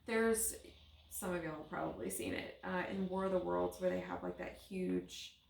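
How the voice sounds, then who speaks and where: Halting woman with creaky voice, roomy sound. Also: on the low side, darkish tone. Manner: halting, searching, trails off mid-phrase. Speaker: paranormal investigator receiving in a spirit box session. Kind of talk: halting, unscripted narration of impressions.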